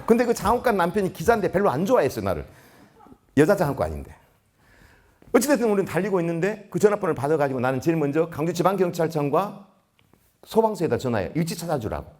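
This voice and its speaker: A man's voice: fairly high pitch, fast talker. A middle-aged man giving a storytelling lecture to school leaders, acting out the dialogue as he goes. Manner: animated, acts out dialogue. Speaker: lecturer at a principals' training.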